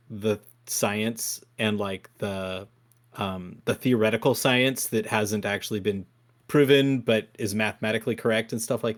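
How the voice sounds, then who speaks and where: Man explaining things calmly. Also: lowish voice. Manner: explaining, measured. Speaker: podcast co-host. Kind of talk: casual chat.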